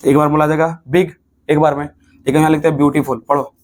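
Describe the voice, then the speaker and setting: Fairly high-pitched yet darkish, his delivery flat and fast, a Bihari Hindi-accented man teaches English grammar at a classroom board. Each point gets repeated, and he draws words out syllable by syllable.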